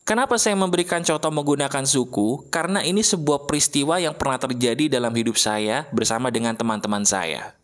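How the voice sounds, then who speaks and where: A man's voice: mid-range voice, fairly quick, a bit bright. A man gives a motivational talk as a voice-over for an animation. He addresses his listeners as friends in a direct way. He keeps checking in with rhetorical questions. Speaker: motivational speaker.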